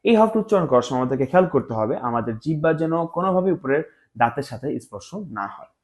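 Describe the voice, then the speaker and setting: Man teaching letters, slightly high voice. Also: expressive, darkish tone. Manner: repeats each letter slowly, mixing in English words. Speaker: Quran teacher. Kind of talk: Arabic letter pronunciation lesson.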